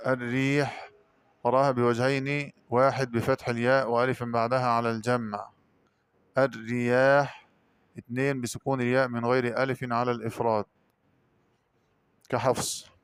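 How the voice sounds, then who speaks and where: A man giving a Quran recitation lesson, explaining variant readings quickly and then chanting the words slowly and drawn out. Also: medium pitch, level tone, clean tone. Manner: brisk spoken explanations alternating with slow, drawn-out chanted words.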